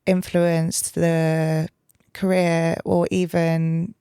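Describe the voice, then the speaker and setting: A woman hosting a podcast interview, asking calm questions and giving brief affirmations. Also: low voice, drawn-out words, smooth, no room sound, clean studio sound. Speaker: podcast host.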